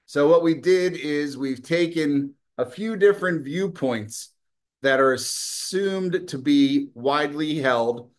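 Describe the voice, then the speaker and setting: A middle-aged man speaks slowly in a fairly high voice as he hosts a political commentary program. His opinion monologue is scornful, combative and laced with profanity, broken by occasional coughing.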